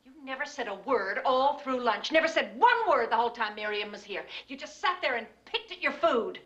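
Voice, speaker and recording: High, theatrical, volatile mother. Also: very animated, a little fast, a bit bright, highs cut off. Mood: indignant scolding. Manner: theatrical, emphatic. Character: volatile middle-aged mother, theatrical, wounded and cutting. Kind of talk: dramatic screen acting. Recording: roomy, clearly echoing, faint background noise.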